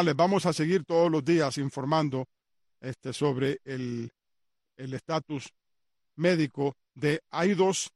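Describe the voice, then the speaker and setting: A man's voice: medium pitch, no echo, clean studio sound. A man hosting a sports radio show, chatty and repetitive, with frequent hesitant fillers. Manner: chatty, repeats details, many fillers. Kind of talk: casual radio sports commentary.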